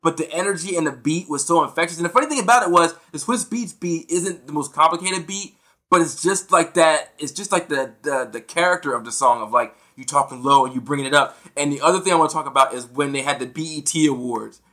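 A man co-hosting a music podcast in casual chat, excitable and rambling, with many restarts and fillers. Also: on the high side, quick pace. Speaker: podcast co-host.

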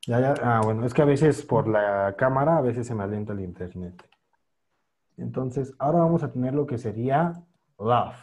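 A man teaching an online pronunciation class over a video call mic, patiently repeating words slowly for students to copy. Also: medium pitch, expressive, darkish tone. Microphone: computer microphone on a video call.

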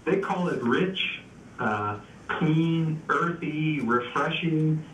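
A man with a fairly high, slightly bright voice talks extremely slowly, calling in remotely to a radio show as a beer news contributor. He's easygoing and chatty, explaining things with frequent "uh"s and restarts. The recording sounds echoey and distant, with faint background noise.

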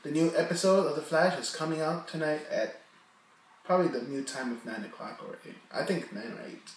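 A man's voice: a little high, brisk, a little hiss or hum. A man hosting a reaction video, chatting casually and rambling, with many fillers and restarts. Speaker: reaction channel host. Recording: echoey room, distant from the mic.

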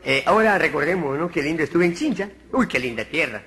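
A male comedian with a Peruvian Spanish accent tells jokes with animated, laughing energy. His voice sits high and bright, and it leaps around in pitch. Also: fast talker. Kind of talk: joke telling.

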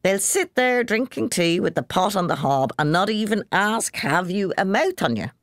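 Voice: mid-range voice, lively intonation, moderate pace, a bit bright, dry recording, studio quality, pitched above the performer's own voice, lightly acted. A reader voicing a cheerful, drunk young Irishman who talks in a loose, rambling way. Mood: drunk jovial.

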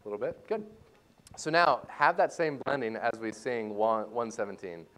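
A man leading a church music lesson for a class, joking and playful as he explains reading music and warming up voices. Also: mid-range voice, normal speed, a little hiss or hum. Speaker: music teacher. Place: church hall.

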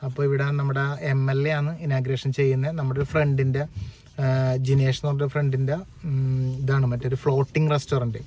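A man's voice: medium pitch, little pitch movement, brisk, a little mellow. A man from chats casually for a vlog, teasing and mixing English words into Malayalam. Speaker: vlogger.

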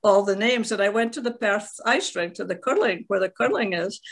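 An older woman from Scotland, telling stories in a halting, rambling way on a video call from her tablet at home. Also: medium pitch. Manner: rambling, halting, with frequent restarts and soft laughs. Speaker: interviewee, veteran curler. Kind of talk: casual video call interview.

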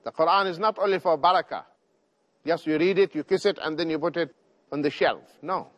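Middle-aged male preacher, TV lecture, exhorting, measured delivery, slightly high voice. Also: fairly bright tone. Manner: deliberate, exhorting, short phrases. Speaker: Islamic preacher. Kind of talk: televised religious lecture.

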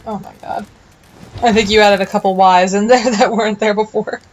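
A woman at a mid-range pitch watches a game being played and drops in dry, teasing jokes at her partner's expense. Faint background noise runs beneath her. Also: fairly even intonation, a little fast. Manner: wry, teasing side comments. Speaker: let's play co-host. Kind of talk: casual banter while watching a game.

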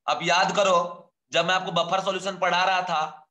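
A man teaching chemistry in an online exam-prep lecture, chatty and coaxing, a bit unwell and slower than usual. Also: sits high, flat delivery, pushed and bright, roomy sound, poor audio. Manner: chatty, scolding yet encouraging, addresses students as kids. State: unwell, speaking slower and softer.

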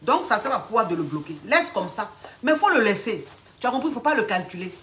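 A woman's voice: mid-range voice, very animated, fairly quick, fairly bright tone, distant mic. A woman relationship coach, telling a story casually in a chatty, mocking way with quoted dialogue.

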